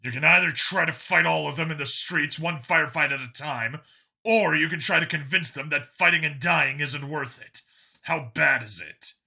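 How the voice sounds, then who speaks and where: Here the stranded human cop of this sci-fi audiobook gets a heavily acted reading, blunt, sardonic, and insistent. The man's voice sits a little high and is sharp, creaky, and slightly rough, at normal speed.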